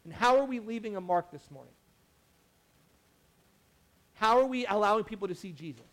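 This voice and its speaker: A young man with a notably high voice delivers a relaxed, conversational sermon. He rambles through asides and restarts his sentences, keeping it animated and friendly like a chat with the congregation. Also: moderate pace. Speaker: pastor. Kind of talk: casual sermon.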